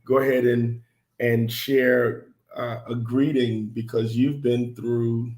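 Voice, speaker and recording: A middle-aged man hosting a casual talk show with his wife, speaking slowly with many fillers and restarts. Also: medium pitch, level tone, a little mellow, roomy sound. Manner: slow, halting, many fillers. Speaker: host.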